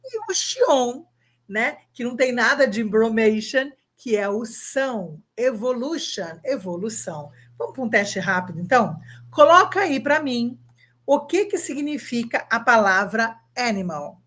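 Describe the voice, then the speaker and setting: A woman's voice: fairly high pitch, sing-song, a bit bright. Upbeat Brazilian woman teaching English. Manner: upbeat, coaxing, asks the viewer to answer; drills words slowly, spells them out letter by letter. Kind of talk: online English lesson.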